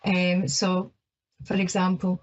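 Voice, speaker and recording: Speaking slowly in a fairly low, utterly flat tone, a Scottish host from Ayrshire chats anxiously through her psychic radio program, her talk full of filler words. She is middle-aged, and the high frequencies are cut off in the recording.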